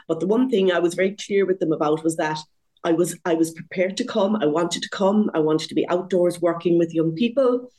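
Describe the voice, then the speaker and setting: This woman in her sixties has a lowish voice and is a guest sharing her story in a lively, conversational interview. She laughs at herself often.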